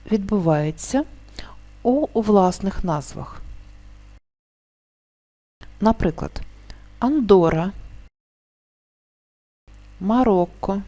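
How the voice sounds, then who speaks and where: Mellow-voiced woman teaching spelling rules. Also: mid-range voice. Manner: explains rules slowly, stretching example words. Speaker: language teacher. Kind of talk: spelling lesson.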